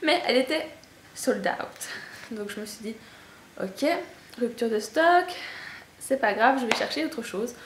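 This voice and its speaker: A woman's voice: fairly high pitch, expressive, measured pace, pauses often. Chatty young Belgian woman, echoey room. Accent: Belgian French. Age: young adult. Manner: chatty and gushing, with frequent fillers and self-mocking laughs. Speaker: beauty vlogger. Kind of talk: casual haul video chat. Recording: echoey room with faint ambient noise.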